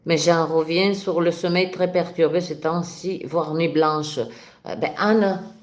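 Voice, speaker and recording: A woman's voice: lowish voice, slow. A woman with a French regional accent, speaking passionately and spontaneously as the host of a spiritual live stream, with frequent restarts. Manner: passionate, animated, with many restarts. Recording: echoey room.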